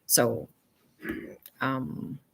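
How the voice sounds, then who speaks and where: A Canadian woman, a municipal administrator, explaining budget matters at a public meeting in halting turns. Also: a bass voice, sing-song, creaky, a little hiss or hum. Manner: halting, explains with many fillers and restarts.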